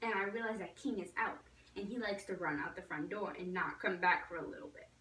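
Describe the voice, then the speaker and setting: A woman's voice: fairly low pitch, a little fast, recorded from a distance, a little hiss or hum. A young woman chattily telling a storytime vlog, often acting out what people said. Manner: chatty storytelling, acting out quoted voices loudly. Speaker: vlogger. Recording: echoey room, off-mic.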